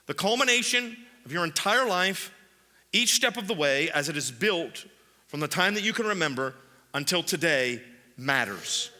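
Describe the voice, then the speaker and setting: A man's voice: on the high side, expressive, normal speed, sharp tone, long reverb tail. A man pastor preaching a sermon and reading scripture, emphatic, repeating key phrases for weight. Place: church sanctuary.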